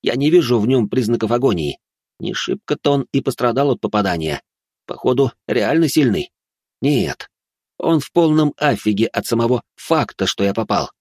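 A man's voice: mid-range voice, expressive, moderate pace, a little mellow, dry recording, studio quality. A man narrating a first-person story in a tense, dramatic way.

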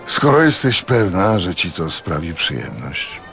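A man voicing a gentle, indulgent husband with a soothing, patient manner in a radio audiobook reading. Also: low-pitched, wildly swooping pitch, a little slow, creaky, exaggerated voice.

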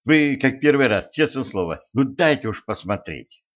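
A man voicing an impatient, excitable teenage girl who pleads and hurries others, on a dull lo-fi recording. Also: medium pitch, normal speed, pitched above the performer's own voice.

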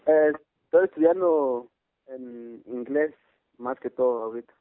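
A man's voice: medium pitch, a little slow, dry recording. A man in his twenties from Guatemala, answering interview questions hesitantly and searching for words. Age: 20s. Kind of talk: casual phone interview. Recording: tinny phone line.

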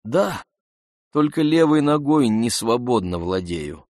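A man voicing a weary, sluggish nobleman who speaks quietly, pleading and sighing. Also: mid-range voice, big pitch swings, takes it slowly, no room sound, studio quality. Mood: hushed. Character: weary, sluggish male nobleman, hushed and sad.

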